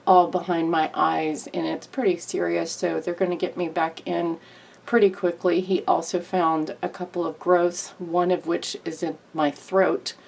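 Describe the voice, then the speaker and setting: Low gravelly-voiced woman, earnest and rambling. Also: a little mellow. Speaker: YouTube crafter and artist. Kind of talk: candid personal update to camera.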